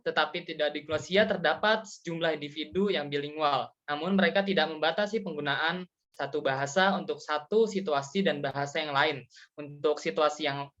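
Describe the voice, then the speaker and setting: Young student moderator, formal, middle pitch, numbered points, muffled lo-fi audio. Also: moderate pace. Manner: formal, steady reading with enumerated points. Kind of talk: class presentation. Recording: dull lo-fi recording.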